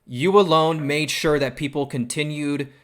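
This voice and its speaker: A man hosting a casual talk stream, excitable and swearing a lot as he praises a show. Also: a little high, normal speed. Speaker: stream host. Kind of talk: casual chat.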